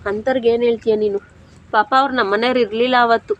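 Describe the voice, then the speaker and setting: A woman's voice: a little high, fairly even intonation, fast talker, dull audio, slight background noise. A young woman, talking frankly and chattily to her viewers while cooking. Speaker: village vlogger.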